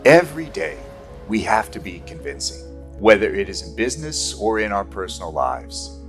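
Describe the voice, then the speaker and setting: Measured male promo voice-over. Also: fairly low pitch, very animated, soft background music. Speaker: promo narrator.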